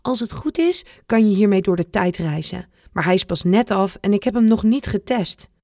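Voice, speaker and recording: A cheerful old grandpa inventor with a secret up his sleeve, as a woman reading a storybook puts him on. He talks brightly, a little above the reader's own voice, and the sound is dry and close. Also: mid-range voice, animated, normal speed, no room sound. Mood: lively. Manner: cheerful, conspiratorial, sometimes grumbling. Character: playful grandpa inventor, near retirement, secretive.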